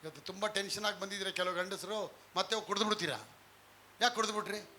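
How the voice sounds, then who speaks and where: A man's voice: high-pitched, steady tone, quick pace, pushed and bright, a little hiss or hum. A male pastor preaching a live sermon, emphatic, often asking the congregation questions.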